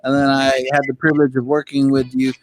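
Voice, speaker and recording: A man hosting an online radio show, talking casually in chummy street slang and giving shout-outs. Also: medium pitch, flat delivery, quick pace, rough recording. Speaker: show host.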